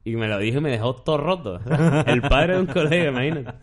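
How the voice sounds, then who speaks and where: A man's voice: mid-range voice, fairly quick. A middle-aged man, chatting casually as a podcast host and telling rambling stories. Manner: rambling, storytelling with shouted impressions. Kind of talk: casual chat.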